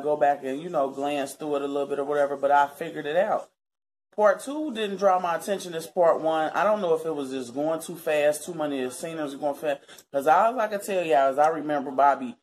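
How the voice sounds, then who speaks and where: Speaking to camera in her living room, a Cincinnati, Ohio vlogger in her thirties keeps things casual, earnest and chatty, addressing her audience as y'all again and again. She has a deep voice with a darkish tone.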